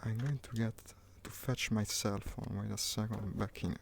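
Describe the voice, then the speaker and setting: A man's voice: fairly low pitch, fairly even intonation, normal speed, gravelly. A man streaming a flight simulator, giving wry running commentary as he plays, talking half to himself. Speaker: gaming streamer. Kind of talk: live commentary while playing a flight sim. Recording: noisy stream audio.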